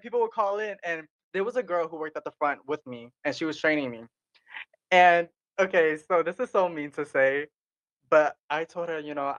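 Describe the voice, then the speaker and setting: A man's voice: a little high, a bit bright, muffled recording. A young man, a podcast co-host, telling an embarrassing story in casual chat and laughing often. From Cambodian heritage, United States.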